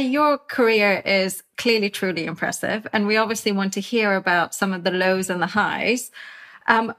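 A woman's voice: fairly high pitch, a bit bright. A woman co-hosting a leadership podcast, introducing the show and asking interview questions in an earnest, enthusiastic way. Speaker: podcast co-host.

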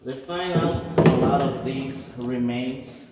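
A man serving as a cave tour guide talks slowly and deliberately, ticking off items in a list. He sounds far from the mic, with a long booming cave echo and loud rushing water. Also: heavy background noise. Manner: slow, explanatory, listing items. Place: inside a large cave, on a canoe.

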